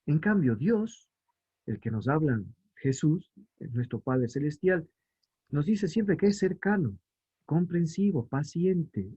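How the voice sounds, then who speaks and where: A man's voice: on the high side, mellow, husky, highs cut off. A man giving a religious lesson to families, explaining patiently and asking questions that he answers himself. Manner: reads scripture aloud slowly. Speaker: family catechist.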